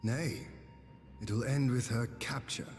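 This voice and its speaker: An actor playing a composed, noble lord in a video game, speaking in formal, deliberate, archaic phrases. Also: male voice, mid-range voice, steady tone, darkish tone, natural voice. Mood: stern, commanding. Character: noble male lord and leader, grave, composed, stirring. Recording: long hall reverb, faint music.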